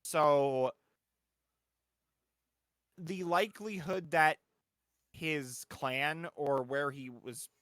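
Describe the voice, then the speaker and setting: A man with a very bright, forward voice chats as a player at a tabletop game. His delivery is casual and the recording is dry. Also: fairly high pitch, very slow, pauses often, no room sound.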